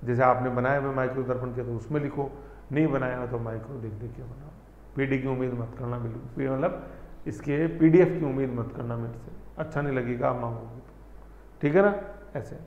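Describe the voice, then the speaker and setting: A man's voice: medium pitch, steady tone, darkish tone, a little hiss or hum. Man, teacher, exam-prep lesson, chatty check-ins, long reverb, muffled lo-fi sound. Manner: conversational, checks in constantly with "thik hai"; spells out pronunciation slowly, syllable by syllable. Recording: echoey, dull lo-fi room recording.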